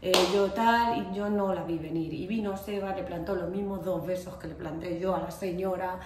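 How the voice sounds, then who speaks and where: A woman with an accent from Spain, telling a story to camera in a chatty, animated way, full of fillers and asides. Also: fairly low pitch, moderate pace. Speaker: vlogger. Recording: echoey room with faint ambient noise.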